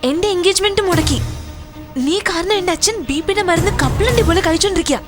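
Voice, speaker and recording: A woman voicing a proud, sharp-tongued young medical student who answers back with indignation. It is film dialogue with music underneath. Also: very high voice, fast talker. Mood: resentful. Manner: indignant, snapping.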